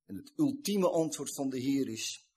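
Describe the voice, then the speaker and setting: Husky-voiced man preaching a sermon. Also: mid-range voice, lively intonation, normal speed, dark tone. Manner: earnest, retelling scripture with quoted dialogue.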